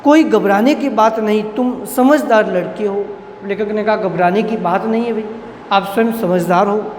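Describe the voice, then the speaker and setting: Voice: medium pitch, moderate pace, darkish tone, roomy sound, long reverb tail, a little hiss or hum. A college teacher who reads out a Hindi story line by line and then restates each line in plain words. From Rajasthan, India.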